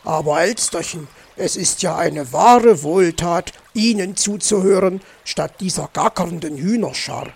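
Man reading a cranky, penny-pinching fox uncle for a kids' audiobook, high, creaky grumble. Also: measured pace, few pauses, a little mellow, exaggerated voice. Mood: grumbling. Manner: grumbling, indignant. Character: grumpy stingy male fox uncle. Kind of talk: children's audiobook.

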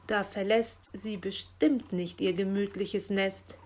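A woman voicing a cheerful, friendly male fox in a children's story, good-humored and relaxed. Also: medium pitch, takes it slowly.

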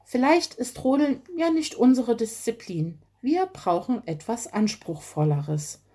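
A woman voicing a cheerful, excitable male elf in a children's audio story. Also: a little high, measured pace. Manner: excited, laughing.

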